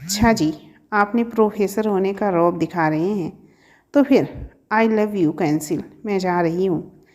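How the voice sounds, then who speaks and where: A woman's voice: mid-range voice, a little slow, a little mellow, lightly acted. A woman reading a storybook, voicing a shy young female student who teases the man she loves. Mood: shy teasing. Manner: shy, teasing.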